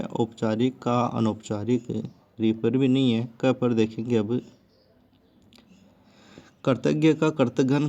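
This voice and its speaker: A man's voice: mid-range voice, warm tone. A man teaching a grammar lesson, steadily listing word pairs one after another. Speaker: Hindi teacher. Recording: dull lo-fi recording.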